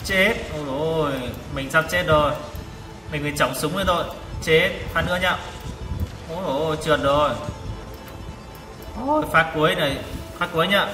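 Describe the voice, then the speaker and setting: Here the vlogger's voice is a little high, moving at a moderate pace broken by long pauses, as he exclaims and repeats short phrases during live tank game commentary. A distant mic captures him in an echoing room, with game music playing loudly.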